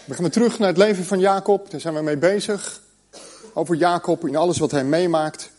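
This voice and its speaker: A man preaching a sermon and reading scripture aloud, slowing down and pausing on key words. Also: on the high side, darkish tone, slight background noise.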